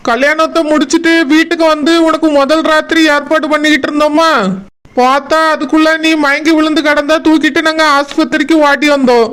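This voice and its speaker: A man voicing a patient elder brother in a cartoon, with a Kanyakumari Tamil accent and a slow, soothing way of explaining. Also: very high voice, little pitch movement, a bit bright. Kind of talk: cartoon voice acting.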